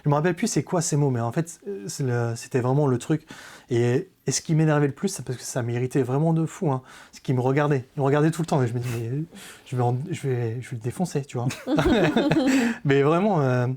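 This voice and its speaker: Male guest telling his own faith story; warm, low-lit tone, hesitant and sincere. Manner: halting, with many hesitations and restarts; earnest, confessional. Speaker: podcast guest giving a testimony. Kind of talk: personal faith testimony in conversation.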